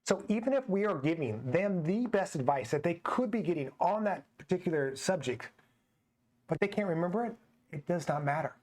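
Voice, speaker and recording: A man's voice: high voice, expressive, a little fast, a little mellow. A man co-hosting a fitness podcast, telling stories from training clients in a conversational way. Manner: conversational, anecdotal, quotes clients. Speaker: podcast co-host, personal trainer. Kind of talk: casual podcast discussion.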